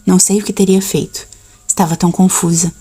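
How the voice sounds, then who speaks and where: Woman reading a quiet, discreet woman guest. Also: on the low side, flat delivery, fast talker, breathy edge, soft background music. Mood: grateful. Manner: soft-spoken, discreet.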